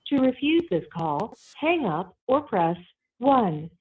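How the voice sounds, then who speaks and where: A woman delivers automated payphone call prompts as a collect call announcer. Her pitch swings noticeably, and the sound is thin and narrow, like a jail telephone line. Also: very animated, takes it slowly. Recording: tinny band-limited jail phone line. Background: played over a phone line.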